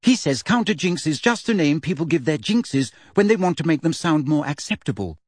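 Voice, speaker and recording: A man voicing a clever, eager teenage schoolgirl in a storybook reading, speaking in a clear, carrying voice. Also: on the high side, very animated, fairly quick, darkish tone, no room sound, studio quality, pitched above the performer's own voice. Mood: confident.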